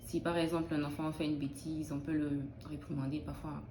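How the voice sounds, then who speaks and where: Speaking a little fast in a low, mellow voice with little pitch movement, a young Beninese early childhood education student responds to interview questions. She's thoughtful and hesitant, with many restarts, and the sound is roomy with slight hiss or hum.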